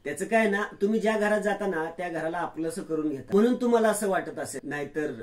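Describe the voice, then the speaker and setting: A calm young hero reassures the people around him , voiced by a man narrating the story. He sounds close to the narrator's own voice, steady and relaxed in his delivery. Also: sits high, quick pace, lightly acted. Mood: reassuring.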